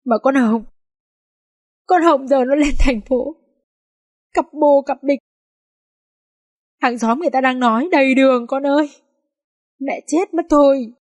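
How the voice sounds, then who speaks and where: A woman's voice: a little high, normal speed, dry recording, lightly acted. Casting: a woman playing a tearful, pleading mother, dry close sound. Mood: tearful lament. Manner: tearful, lamenting. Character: grieving middle-aged mother, tearful and pleading.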